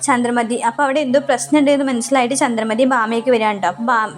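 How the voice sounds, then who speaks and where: A woman's voice: fairly high pitch, steady tone, very fast, faint music behind. A woman chattily retelling a TV serial episode to her listeners, often adding a tag question for them.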